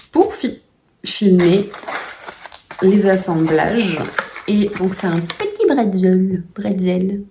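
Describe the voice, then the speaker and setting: Woman, vlogger, gravelly, lowish voice, gushing, lots of fillers. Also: slight background noise. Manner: excited, gushing, many fillers and restarts. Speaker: puzzle vlogger. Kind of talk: casual vlog chat.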